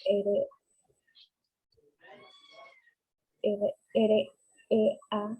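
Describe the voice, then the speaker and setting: A woman's voice: mid-range voice, monotone, extremely slow, warm tone, breathy edge, rough recording. A woman in a spelling contest, hesitantly spelling words out one letter at a time.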